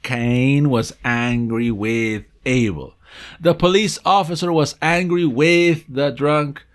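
A man teaching an audio lesson, explaining phrases patiently, checking in with his listeners and correcting his own slips. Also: mid-range voice. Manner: reads example sentences and dialogues slowly. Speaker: English teacher.

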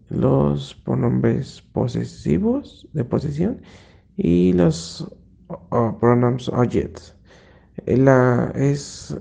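Caller, man from Mexico, dark and gravelly, hesitant listener asking for help. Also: mid-range voice. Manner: hesitant, halting. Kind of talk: recorded listener question.

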